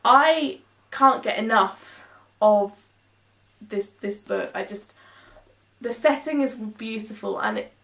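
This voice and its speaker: A young Englishwoman chats casually in a book review vlog style, gushing and emphatic, stretching out the words she stresses. Her voice is on the high side, creaky, and a little bright, picked up by a distant mic with some background noise.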